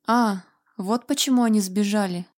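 A woman's voice: medium pitch, normal speed, lightly acted. A woman voicing Walter, a cold mocking man. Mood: cool, mocking. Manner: calm, dry and dismissive. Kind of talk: audiobook character reading.

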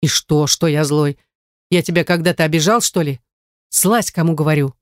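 Narrator voicing a gruff, growling young man. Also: mid-range voice, fairly even intonation, normal speed, no echo, studio quality, lightly acted. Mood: angry. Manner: growling, commanding. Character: gruff, hot-tempered young man, loud. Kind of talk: audiobook dialogue.

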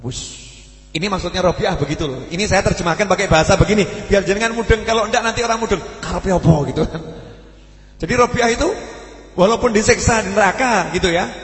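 Javanese male preacher, lively and questioning, recorded in a reverberant hall. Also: high-pitched, fast. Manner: animated, acts out quotes, asks the audience questions. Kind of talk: sermon. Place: mosque hall. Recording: echoey hall.

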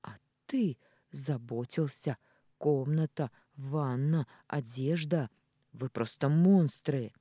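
An audiobook reader voicing a frightened, tearful young woman who accuses loudly with a trembling voice, in a lively, dry recording. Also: mid-range voice, a little slow, no room sound. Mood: accusing.

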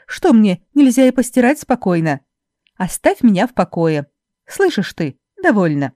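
A woman voicing a spiteful young laundress who loudly taunts and mocks her rival in an audiobook. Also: very animated, normal speed, no room sound, studio quality, natural voice. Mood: jeering. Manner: loud, mocking, shrill taunting.

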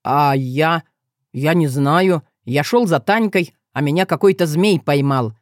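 A woman's voice: deep voice, expressive, a little slow, dry recording, clean studio sound. A woman voicing a bewildered, athletic young man who talks bluntly in slang. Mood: flustered.

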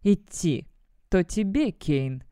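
A woman's voice: fairly low pitch, big pitch swings, slow, warm tone, no room sound, studio quality. A woman reading the lines of a haughty young female demonologist who gives clipped, cold orders. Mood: cold, curt.

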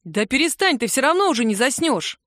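A woman's voice: high-pitched, sing-song, brisk, fairly bright tone, no room sound, clean studio sound, pitched above the performer's own voice. Woman voicing a cheeky teasing young man. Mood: smug. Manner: teasing, cheerfully pushy.

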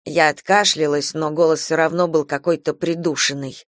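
A man reading a first-person literary novel aloud as an audiobook, in an even, measured way. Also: a little high, dry recording, clean studio sound. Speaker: audiobook reader.

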